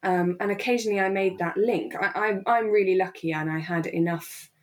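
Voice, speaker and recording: With a mid-range voice and a slightly quick delivery, a woman co-hosts a podcast in an easygoing, reflective chat. She muses aloud tentatively and frequently repeats herself as she goes.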